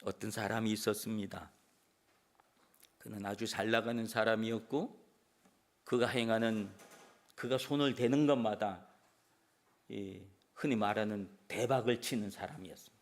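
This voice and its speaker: A man's voice: lowish voice, fairly even intonation, moderate pace, long pauses. A male pastor giving a sermon in church, telling stories with emphatic, rising peaks.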